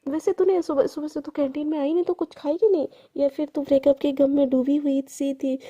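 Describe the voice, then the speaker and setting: A woman's voice: high voice, steady tone, a little fast, mellow, lightly acted. A woman voicing a playful young male student who teases his friend in a breezy way, on a muffled recording. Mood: teasing. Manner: teasing, breezy.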